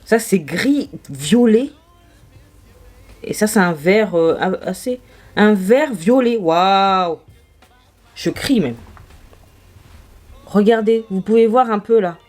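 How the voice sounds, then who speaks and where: A woman's voice: medium pitch, animated, slow, long pauses, darkish tone, faint music behind. A young woman vlogging makeup swatches, gushing and exclaiming over each shade in casual chat. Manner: gushing, exclamatory, marvelling aloud. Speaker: beauty vlogger.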